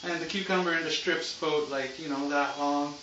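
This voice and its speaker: A man with a slightly high voice talks through cooking in a loose, easygoing stoner drawl, casual and unscripted. He sounds some way from the microphone in an echoey home kitchen, and the sound is rather dull. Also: fairly even intonation, normal speed, noisy background. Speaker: home cooking show host. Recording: muffled, echoey room, far from mic.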